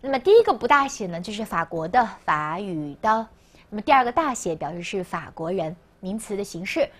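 A woman teaching a language lesson, often slowing down to repeat words for learners to copy. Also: on the high side. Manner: slow, exaggerated repetition of words for learners. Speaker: French teacher.

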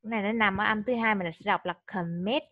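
A woman's voice: medium pitch, fairly even intonation, very fast, muffled recording. A woman tutoring a child in English vocabulary, patient and coaxing, mixing Vietnamese and English.

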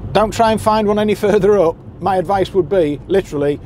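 A man's voice: high voice, fairly quick, a little mellow. A man in a moving car giving practical, chatty directions to anglers as he drives. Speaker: boat skipper's guide to anglers. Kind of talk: casual driving commentary. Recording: car and road noise behind.

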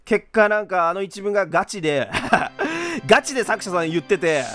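High-voiced, lively young gamer man. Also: moderate pace. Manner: rough-talking, exasperated ranting with frequent laughter. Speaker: game commentator. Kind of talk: let's play commentary.

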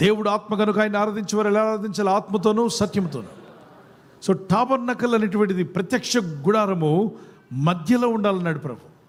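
Speaking fast in a raised register, a male preacher leads a call-and-response sermon before his congregation, testing them with questions they must answer out loud.

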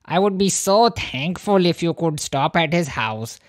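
A woman doing a frail, gentle old grandfather. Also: lowish voice, animated, measured pace, no echo, clean studio sound, pitched below the performer's own voice. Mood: pleading. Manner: polite, hesitant asking. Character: frail elderly man, gentle grandfatherly neighbor.

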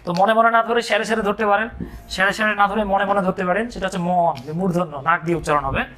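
A man's voice: high-pitched, fairly even intonation, fast, sharp tone. A man from Bangladesh teaching English grammar in a live online lesson, chatty, with joking asides and rhetorical questions. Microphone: streaming mic for a live video.

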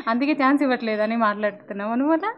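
Young woman, high voice, chatty, teasing anchor, talks with children. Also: racing, muffled recording. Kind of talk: playful interview with children.

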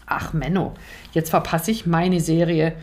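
A woman's voice: low voice, little pitch movement, measured pace, darkish tone. A woman voicing a grumpy nine-year-old girl who scolds her little brother. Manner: scolding, grumbling.

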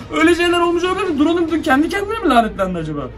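Very animated and extremely high-pitched, a young man talks very fast in an excited horror-drone vlog, sounding far from the mic. Jittery with fear, the YouTuber tells viewers about something strange and mutters instructions to the drone, with light music behind his off-mic voice.

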